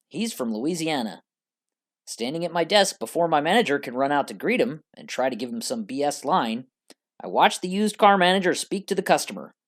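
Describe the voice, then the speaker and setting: A narrator reading a scripted first-person story with an expressive delivery. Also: mid-range voice.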